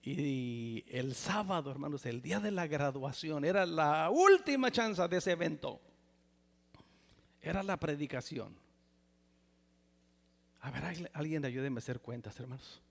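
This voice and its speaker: Gravelly high-pitched Mexican pastor in his 60s. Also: lively intonation, measured pace, pauses often. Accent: Mexican Spanish. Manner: emotional, swings from loud exclamations to near whispers. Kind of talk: personal testimony sermon. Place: church sanctuary. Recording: reverberant church hall.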